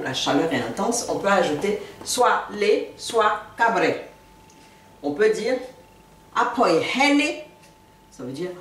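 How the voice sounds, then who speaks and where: A woman giving a relaxed spoken language lesson, repeating each new word slowly and patiently. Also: medium pitch, slight background noise. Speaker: language teacher. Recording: echoey room, mic at a distance.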